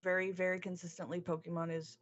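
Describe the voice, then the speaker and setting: Woman on a podcast chatting casually, lowish voice, kinda hesitant and modest, muffled lofi audio. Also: little pitch movement, quick pace. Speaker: podcast guest, streamer and artist. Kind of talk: casual chat.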